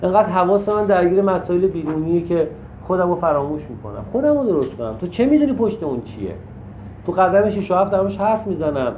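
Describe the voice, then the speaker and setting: A man leading a recovery group session, giving firm, blunt instructions with a teasing edge, recorded in an echoey room with muffled sound and faint noise. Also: sits high. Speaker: group facilitator.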